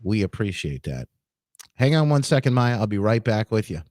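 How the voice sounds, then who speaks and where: A man's voice: lowish voice, big pitch swings, moderate pace, darkish tone, dry recording. A man hosting a talk radio show, chatting casually and greeting listeners by name from his studio. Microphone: studio microphone.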